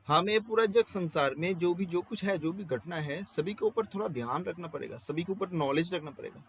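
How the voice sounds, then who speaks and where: Bengali-accented guy teaching astrology, kinda high voice, keeps asking questions and throwing in english. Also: a bit bright, slight background noise, rough recording. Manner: explains with rhetorical questions and everyday examples; mixes English phrases into Hindi. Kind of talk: classroom lecture.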